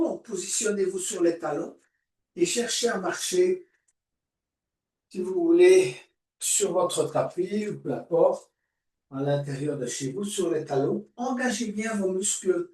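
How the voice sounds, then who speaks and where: A man guiding a yoga class, giving calm, drawn-out cues for breathing and movement. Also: sits high. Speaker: yoga teacher. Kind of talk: guided yoga class instruction. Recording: echoey room, voice far from mic.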